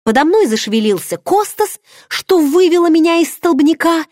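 A woman narrating a first-person audiobook in an expressive, dramatic way, recorded close to the mic. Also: very high-pitched, normal speed, dry recording.

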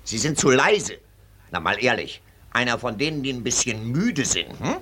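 An older actor playing a pompous, condescending military colonel in a 1940s radio drama, lecturing in a blustering, patronizing way. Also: male voice, medium pitch, very animated, moderate pace, a bit bright, a little hiss or hum.

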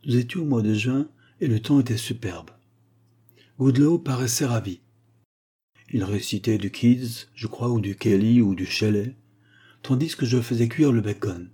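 A man reading a short story aloud as narrator, in a measured storytelling manner. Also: medium pitch, dark tone, breathy edge. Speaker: audiobook narrator. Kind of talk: scripted narration.

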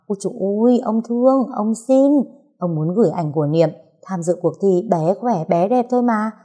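A woman's voice: fairly low pitch, moderate pace, mellow, natural voice. A woman playing a doting old grandpa. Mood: coaxing. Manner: fawning, coaxing.

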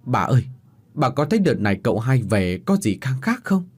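A young servant girl from a spoken story, clever and fond of gossip, voiced by a male narrator. She talks in a hushed, confiding way, in a husky voice with lively pitch. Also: fairly quick.

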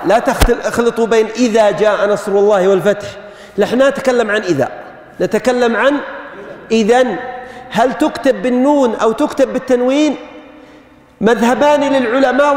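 A man's voice: high voice, darkish tone. A man teaches a grammar class, walking through each point and putting questions to his students. His voice rings out in a big echoey hall with a long reverb tail. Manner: explains step by step, quizzing the students. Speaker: grammar lecturer. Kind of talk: classroom lecture.

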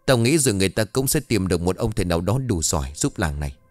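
A man playing a calm young man in an audiobook, firm and steady, with a low but lively voice. The sound is close and dry, with faint music behind. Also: fast, no room sound.

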